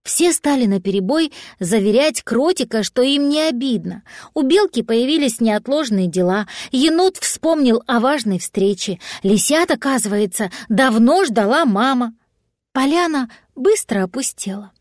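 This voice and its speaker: A woman narrating a children's storybook aloud with gentle expressive telling. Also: on the high side, unhurried, dry recording, studio quality. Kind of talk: audiobook storytelling.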